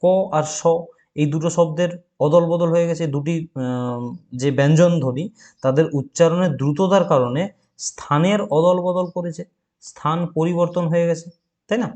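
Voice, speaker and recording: A male teacher running an exam-prep grammar lesson. He keeps asking questions and answering them himself, and he repeats key words, dragging them out slowly. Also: a little high, steady tone, a little mellow. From West Bengal.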